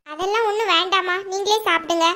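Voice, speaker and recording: A woman voicing a calm but firm female doctor in a cartoon, reproving when needed. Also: very high-pitched, quick pace. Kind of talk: cartoon voice acting.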